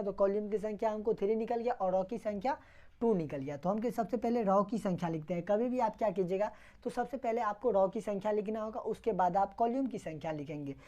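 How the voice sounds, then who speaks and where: Mellow-voiced woman teaching step by step. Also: medium pitch. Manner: repeats questions and answers them herself, step by step. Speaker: math teacher. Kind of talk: classroom lecture.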